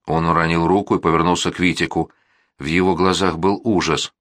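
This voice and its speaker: Male audiobook narrator, deep voice, dry close sound, even delivery. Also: brisk, no room sound.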